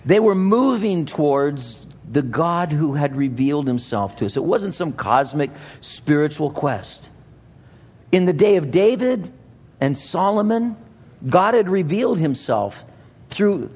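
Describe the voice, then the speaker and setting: Higher-voiced male preacher in a reverberant hall. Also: darkish tone, husky. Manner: earnest, emphatic, repeats phrases for emphasis. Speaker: pastor. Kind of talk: sermon.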